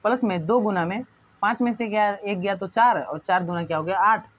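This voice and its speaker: A man's voice: high-pitched, brisk, fairly bright tone, muffled recording. A man teaching an exam-prep math lesson in a chatty, jokey way, constantly checking whether students follow.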